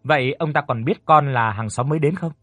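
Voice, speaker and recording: A man's voice: medium pitch, fairly quick, fairly bright tone, no echo, dull audio, natural voice. A man voicing a worried middle-aged mother who fusses and pleads over her injured daughter. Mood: curious. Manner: anxious, fussing, pleading.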